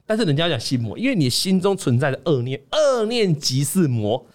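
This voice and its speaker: A man hosting a stock talk show, joking and reading a viewer's letter aloud in animated casual chat. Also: fairly high pitch, brisk.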